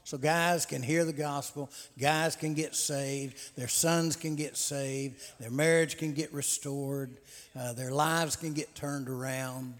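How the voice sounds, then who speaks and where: Guy, kinda high voice, folksy rambling announcements, long echo in a big hall. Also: steady tone, takes it slowly. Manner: folksy, repeats words, many "uh" fillers. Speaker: conference host. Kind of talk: conference announcements and testimony. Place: large hall with long reverb. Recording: reverberant hall sound.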